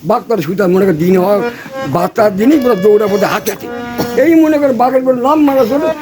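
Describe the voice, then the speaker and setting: A man's voice: high voice, lively intonation, fast. An older man tells a folk tale in a rambling, repetitive grandpa manner. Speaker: folk storyteller. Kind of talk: animated oral folk tale telling. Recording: music playing behind the voice. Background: music.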